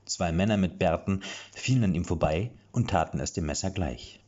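A man narrating an audiobook in an expressive, playful storytelling manner. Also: sits low, moderate pace. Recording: dull lo-fi recording.

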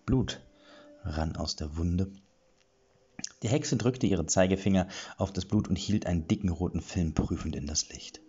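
A man narrating a fairy tale with expressive, dramatic storytelling. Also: low-pitched, a little slow, slightly rough, dull audio. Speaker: audiobook narrator.

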